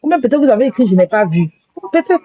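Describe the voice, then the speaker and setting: A woman's voice: on the high side, sing-song, fast talker, dark tone, slightly rough. A woman speaking on a live stream, rambling and repeating herself as she apologizes with emotion. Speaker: social media livestreamer. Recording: dull lo-fi phone audio.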